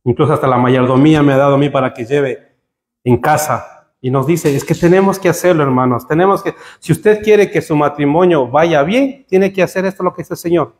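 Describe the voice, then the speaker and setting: A man preaching a sermon to his congregation, joking with them and building to emphatic high peaks. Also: fairly quick, a little mellow. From Spain. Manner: humorous, rising to emphatic peaks. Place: church hall. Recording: echoey church hall.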